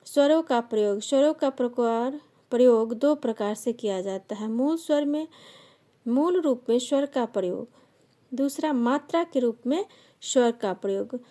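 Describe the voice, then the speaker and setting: A woman teaching a grammar lesson, slowly dictating definitions and listing sounds and example words one by one. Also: a little high, dark tone. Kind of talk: slow classroom grammar lesson.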